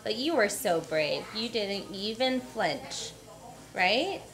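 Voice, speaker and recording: A woman's voice: mid-range voice, big pitch swings, slow pace, fairly bright tone. A woman in her thirties chatting casually as a parent vlogger, with an encouraging, reassuring way of talking. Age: 30s. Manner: encouraging, reassuring with simple questions to child. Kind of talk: casual vlog chat and talk to a small child. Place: in and around a car, car park, clinic room. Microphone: camera at arm's length. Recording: noisy handheld recording with vehicle ambience.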